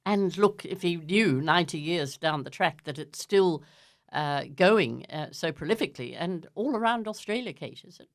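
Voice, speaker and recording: Low-voiced older woman hosting a radio chat. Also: expressive. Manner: gentle, halting with many fillers. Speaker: radio host. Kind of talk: community radio interview.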